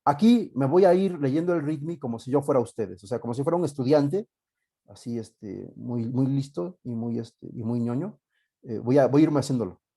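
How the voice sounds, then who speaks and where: A man with a Mexican accent teaches a live online class in a relaxed, easygoing way. His voice sits at a middle pitch and sounds warm and mellow. He thinks aloud as he goes, with plenty of fillers and joking asides. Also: moderate pace, vocal fry, slightly rough. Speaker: university teacher.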